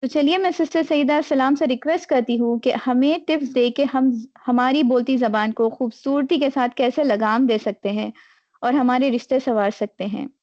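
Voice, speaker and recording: A woman hosting a workshop, giving a formal introduction and reciting a verse in a measured, earnest way. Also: high-pitched, darkish tone, no room sound, highs cut off. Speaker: workshop host.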